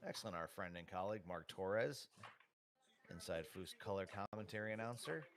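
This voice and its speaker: A man's voice: low voice, expressive, fairly quick, a bit bright. A man under forty, a host giving easygoing remote play-by-play commentary, chatty and full of fillers. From United States.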